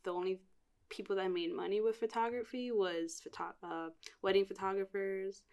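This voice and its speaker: A woman's voice: medium pitch, steady tone, moderate pace, a little mellow. A young woman in her twenties, from Miami and born in Cuba, talks casually as a podcast guest. She rambles through her memories, filling the gaps with "like" and restarting her sentences as she goes. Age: 20s. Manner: chatty and rambling, with frequent "like" fillers. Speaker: podcast guest, art director. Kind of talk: casual chat.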